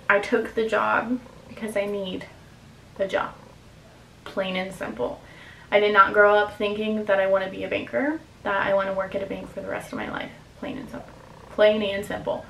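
Candid young woman vlogging, gravelly voice. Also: mid-range voice, echoey room, slight background noise, poor audio. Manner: candid, confessional, filler-heavy. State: emotional, near tears. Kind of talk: casual talk to camera.

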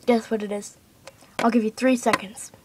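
Chatty, excitable girl vlogging on webcam. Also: a little high, moderate pace, slight background noise. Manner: chatty, many "like" fillers, excitable. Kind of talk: casual webcam vlog.

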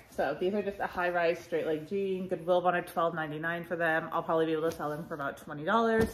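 Woman reseller, thirties, slightly low voice, stuffy nose; casual, chatty haul vlog delivery. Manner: chatty, frequent fillers, lively asides. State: congested, sniffly. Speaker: reseller vlogger.

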